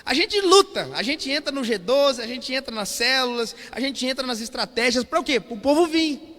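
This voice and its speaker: A man's voice: very high-pitched, animated, moderate pace, bright, forceful tone, long reverb tail. A Brazilian man preaching a sermon as pastor, calling out to the congregation and asking "Amém?" again and again. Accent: Brazilian Portuguese. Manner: call-and-response preaching, repeated "Amém?". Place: church hall.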